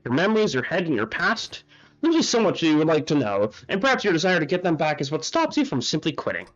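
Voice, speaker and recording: A man's voice: fairly high pitch, very animated, fast talker, a bit bright. A man voicing a cold, condescending male researcher who talks in a formal, lecturing way, heard on muffled audio with faint game music.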